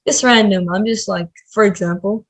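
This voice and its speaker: A man's voice: high-pitched, fairly even intonation, normal speed, fairly bright tone, faint music behind, poor audio. Chatty guy explaining coding, lots of fillers. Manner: chatty, filler-heavy, says "like" a lot. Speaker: coding teacher. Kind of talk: casual screen-recorded tutorial.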